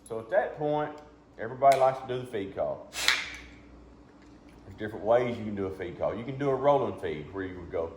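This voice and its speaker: A man's voice: lowish voice, expressive, normal speed, pauses often. A man giving a casual, hands-on lesson as a duck calling instructor, talking in a folksy, plain-spoken way. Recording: muffled, roomy, with background noise.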